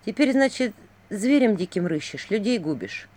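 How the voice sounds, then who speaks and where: A woman's voice: mid-range voice, lively intonation, moderate pace, darkish tone, voice pushed up, lightly acted. A woman voicing a young, kind healer maiden in a fairy tale, speaking in a raised, earnest voice.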